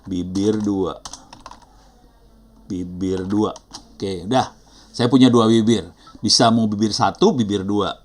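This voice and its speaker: Middle-aged male instructor, Indonesian accent, lowish voice, relaxed and rambling, lots of fillers. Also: takes it slowly, pauses often. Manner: chatty, apologetic, thinks aloud with fillers. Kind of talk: live online teaching session.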